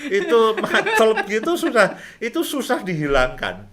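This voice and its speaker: A middle-aged man hosting a relaxed talk on marriage, chatty and repeating his points with frequent chuckles. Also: sits high, normal speed. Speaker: host, marriage counselor.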